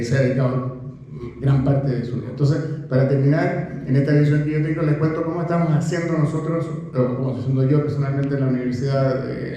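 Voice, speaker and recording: An older man with a Chilean accent, a professor giving an animated, conversational talk to an audience, full of rhetorical questions and restarts. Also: mid-range voice. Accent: Chilean Spanish. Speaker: professor speaking at a book presentation. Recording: very echoey room.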